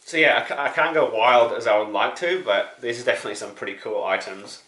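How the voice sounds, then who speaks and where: A man's voice: mid-range voice, animated, fast talker, roomy sound, background noise. A man, chatting casually about his record collection with many fillers and restarts. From New Zealand. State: out of breath, still sick. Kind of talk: casual show-and-tell chat.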